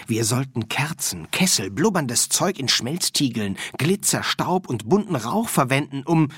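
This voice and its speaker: A man's voice: medium pitch, sing-song, unhurried, fairly bright tone, husky, dry recording, clean studio sound, pitched above the performer's own voice, full character voice. A man voicing a vain, nagging old wizard dean for an audiobook. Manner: nagging, sneering. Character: whiny vain male wizard dean, older.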